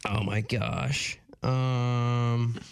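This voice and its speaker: A man's voice: medium pitch, level tone, very slow, vocal fry, clean tone. Playful morning radio host, a man. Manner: playful, trying out silly cartoon voices. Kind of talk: casual radio banter.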